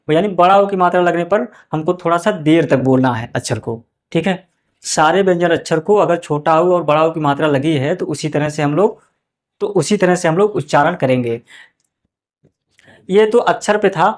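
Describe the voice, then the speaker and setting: A man teaching young pupils how to read vowel signs. He asks questions and answers them himself, and draws out each example word slowly. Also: a little high. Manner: slow and drawn out on example words, repeating each twice. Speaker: Hindi teacher.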